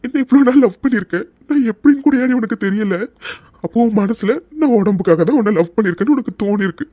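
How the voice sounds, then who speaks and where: A devoted young husband in a cartoon love story, coaxing his wife one moment and breaking down the next. A performer gives him a mid-range, mellow voice. The sound is dry and close. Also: medium pitch, quick pace, no echo, close to an everyday voice. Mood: hurt pleading. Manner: coaxing, then breaking into tears. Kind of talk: cartoon voice acting.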